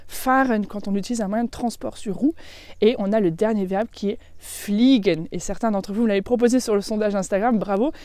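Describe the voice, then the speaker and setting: A woman with a French accent runs a casual online German lesson, chatting freely and slowing right down to spell out each German phrase. Her voice is mellow and relaxed, and it is recorded close on a dry mic with no room sound. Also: mid-range voice, dry recording. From France. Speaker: German language teacher.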